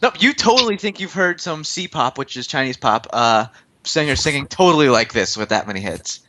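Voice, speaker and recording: A man narrating as game master of a tabletop role-play stream, relaxed and loose, with plenty of fillers. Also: medium pitch, normal speed, dry recording.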